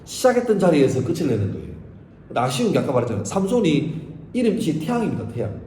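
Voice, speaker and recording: Lively male pastor in an echoing hall. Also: a little high, fast, slight background noise. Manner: lively storytelling, acting out scenes. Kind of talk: Bible study sermon. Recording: echoey hall with faint ambience.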